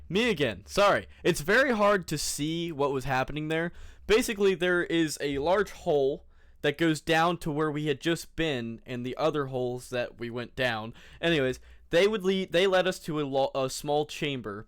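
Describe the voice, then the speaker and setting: A man's voice: on the high side, a bit bright, smooth, no room sound, clean studio sound. A man narrating his own trip as a vlogger in a casual, rambling, jokey and laid-back way, with informal slang.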